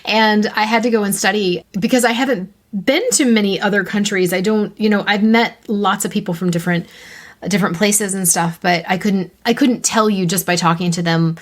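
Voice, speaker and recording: An American woman co-hosting a writing podcast in casual chat, bubbly and talkative, now and then breaking into high excited squeals. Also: brisk. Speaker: podcast co-host, fiction writer.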